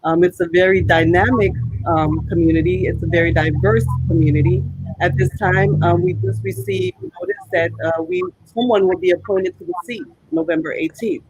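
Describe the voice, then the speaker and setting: A woman's voice: fairly low pitch, lively intonation, normal speed, darkish tone, breathy edge, low-quality recording. A woman introducing herself as a candidate in a chatty way, with asides. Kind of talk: self-introduction.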